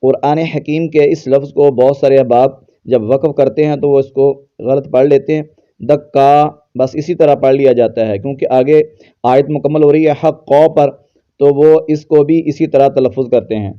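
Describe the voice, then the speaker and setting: A man teaching Quran pronunciation, explaining patiently and slowly chanting verses as examples. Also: medium pitch, lo-fi sound. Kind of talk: tajweed lesson with recitation.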